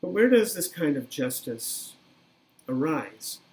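A man in his fifties preaching a sermon by webcam from a small room, in an earnest, measured way that repeats key phrases. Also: fairly high pitch, sing-song, darkish tone, low-quality recording. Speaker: pastor. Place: small plain room indoors. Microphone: webcam at desk, video recording.

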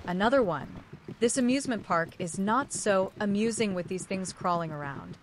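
A woman's voice: medium pitch, normal speed, a little hiss or hum. A woman narrating her own video game play as gameplay commentary. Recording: game music behind voice. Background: faint game music.

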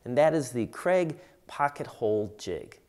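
A man in his forties walks through his favorite workshop tools, talking at an unhurried pace. His voice sits at an ordinary middle pitch, and he explains each tool plainly and steadily as he demonstrates it. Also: sing-song, darkish tone. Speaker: woodworking instructor. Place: home woodworking shop, indoors.

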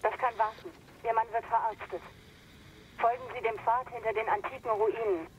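An actress voicing a calm female ally who gives brisk, steady instructions over a radio transmission. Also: on the high side. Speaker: radio contact. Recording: muffled radio with faint hiss.

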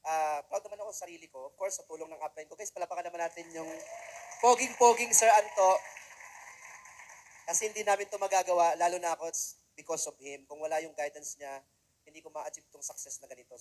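High-voiced man joking on stage. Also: rough recording. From Philippines. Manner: joking, self-deprecating, addresses audience. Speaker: motivational speaker. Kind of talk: stage testimonial speech.

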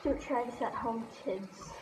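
A woman's voice: fairly high pitch, unhurried. A teenage girl chatting casually as she presents a challenge in a home kitchen, recorded on a phone camera. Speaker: challenge vlogger. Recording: echoey kitchen, noisy handheld camera audio.

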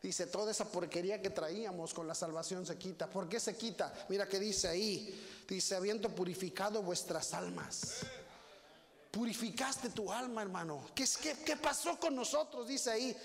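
A man with a Mexican Spanish accent preaching a sermon in a church, animated and folksy, often turning to the congregation with asides. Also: high voice, moderate pace, creaky. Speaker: guest preacher. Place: church sanctuary. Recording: long church reverb.

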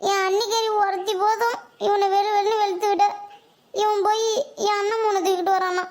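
A woman voicing a timid, long-suffering village mother in a cartoon, soft and resigned. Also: very high-pitched, a little fast. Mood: placating. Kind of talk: Tamil cartoon voice acting.

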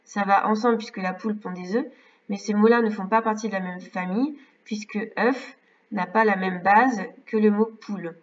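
Careful French teacher, slightly distant. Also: female voice, mid-range voice, fairly even intonation. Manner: slow, careful, explains step by step. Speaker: primary school teacher. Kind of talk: correcting exercises for young pupils. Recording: distant, slightly dull mic.

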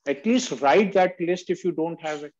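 A man's voice: on the high side, normal speed, a little mellow. A man teaching on an online call, explaining emphatically and addressing listeners as sir. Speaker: valuation instructor. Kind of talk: explanatory online lecture with questions and answers. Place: online group video call. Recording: dull lo-fi video call audio.

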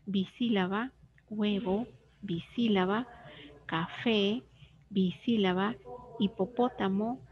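Woman teacher, slow and deliberate, precise diction for young kids, dull lo-fi sound. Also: mid-range voice. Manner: clear, careful syllable-by-syllable pronunciation. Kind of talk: slow scripted reading lesson for children.

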